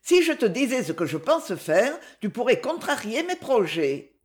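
A woman's voice: fairly high pitch, very animated, unhurried, darkish tone. A woman reading an audiobook, voicing a proud, desperate young woman who pleads with her rich father. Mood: pleading. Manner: pleading, raised and emotional.

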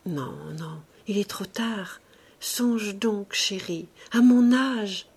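A man's voice: high voice, takes it slowly, slightly rough, full character voice. A woman murmuring as a sad aging lover. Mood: tender sad. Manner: murmured, hushed and sorrowful. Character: aging man, tender, sad and doubtful.

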